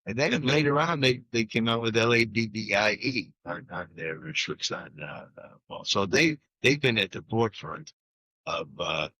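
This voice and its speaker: Low-voiced rambling male golf podcaster. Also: lively intonation, moderate pace, bright, forceful tone, breathy edge, no room sound, low-quality recording. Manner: rambling storyteller, frequent restarts. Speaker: podcast co-host. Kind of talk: casual golf chat.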